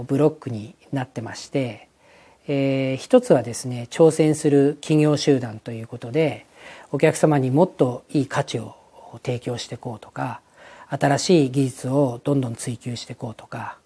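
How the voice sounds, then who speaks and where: A man's voice: medium pitch, mellow, husky. A man, a company executive, answering an interview question in a hesitant way, with frequent filler sounds.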